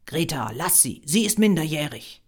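A woman reading a German story voices a curt, guarded young male photographer in a lowered voice. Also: lively intonation, moderate pace, darkish tone.

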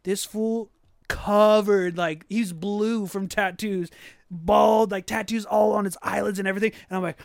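A man's voice: sits high, steady tone, measured pace, creaky, no echo, clean studio sound. A young man from Southern California, co-hosting a podcast in casual chat, telling stories with many restarts and fillers. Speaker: podcast co-host.

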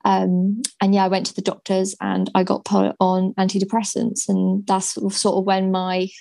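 A young woman in her twenties, speaking as a podcast guest about her own life. Her voice has a gravelly, fry-edged grain and stays level in pitch, moving slowly and hesitantly with frequent ums. The sound is close and dry, with no room around it. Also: completely flat delivery, mellow, no echo. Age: 20s. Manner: slow, hesitant, with many ums. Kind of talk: candid personal story in a podcast interview.

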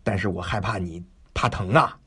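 A man voicing a calm, learned physician in a spoken storybook tale, explaining in a measured, sometimes hushed way. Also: low-pitched, husky, full character voice. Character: calm, learned male physician, patient and careful.

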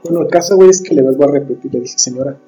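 A man's voice: on the high side, racing, mellow. A young man with a Mexican accent telling stories in a casual, slangy podcast chat, swearing freely and emphatically. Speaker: podcast host. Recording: dull sound, music behind.

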